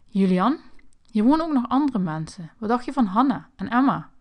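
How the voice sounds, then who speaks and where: A woman's voice: fairly high pitch, big pitch swings, normal speed. A woman voicing a firm, scolding mother in a toy figure play video.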